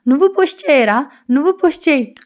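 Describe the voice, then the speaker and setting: Fierce young woman in labor, high-pitched and commanding, voiced by a female narrator in an audio story. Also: extremely slow. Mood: furious. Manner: yelling, commanding.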